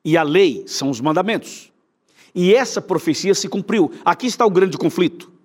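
Man, Brazilian Portuguese accent, high-pitched, pastor, emphatic sermon, direct questions to the listener. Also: animated, normal speed, darkish tone, husky.

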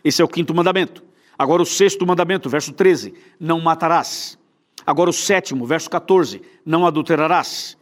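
Man, Brazilian Portuguese accent, high-pitched, pastor, emphatic sermon, direct questions to the listener. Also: brisk.

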